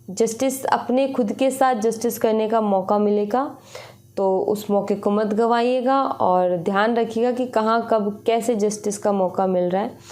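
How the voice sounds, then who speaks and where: A woman's voice: fairly high pitch, darkish tone. A young woman reading tarot cards for her viewers in casual, instructive talk, often repeating her points and mixing English words into her Hindi. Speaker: tarot reader.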